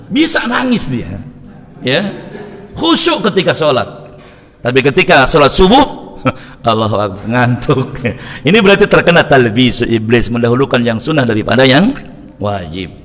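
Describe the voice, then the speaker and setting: A man preaching to a mosque congregation, joking, laughing and acting out quoted lines. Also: on the high side. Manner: lively, jokes and laughs with the congregation, acts out quotes. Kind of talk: mosque study sermon. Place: mosque hall. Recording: long hall reverb.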